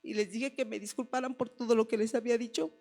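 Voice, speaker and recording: A woman's voice: fairly high pitch, fairly even intonation, quick pace, warm tone. A woman, mother of a son, giving a personal testimony at a church service in an earnest storytelling manner, often repeating her phrases. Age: adult, mother of a son.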